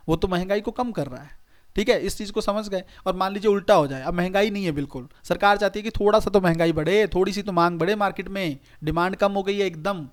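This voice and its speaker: A male exam coaching teacher, giving a recorded online lecture in a conversational, repetitive way, often checking "okay" and telling students to write things down. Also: high voice. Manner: addresses students directly, urging them to note things down.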